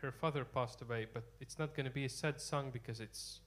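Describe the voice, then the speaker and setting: A man's voice: medium pitch, fairly even intonation, brisk, fairly bright tone. A young Latvian man chatting with the audience between songs on a theater stage, hesitant and self-deprecating with many ums, into a stand mic. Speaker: singer-guitarist. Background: guitar.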